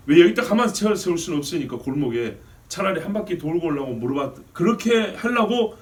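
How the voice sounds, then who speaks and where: A man's voice: a little high, a little fast, recorded from a distance. A male pastor preaching a sermon, telling stories and often asking the congregation questions. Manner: animated storytelling with questions to the congregation. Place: church sanctuary.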